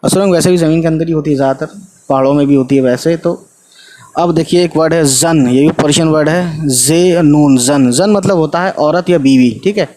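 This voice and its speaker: A man's voice: fairly high pitch, a little fast, dark tone. A man teaching Urdu in a casual online lesson, spelling out each word letter by letter and often talking to viewers as guys, with English fillers mixed in.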